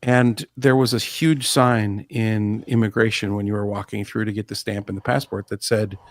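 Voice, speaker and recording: Middle aged guy cohost, deadpan jokes, dry close mic. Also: on the low side, moderate pace, no echo. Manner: playful, deadpan teasing. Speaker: podcast co-host. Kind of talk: casual chat.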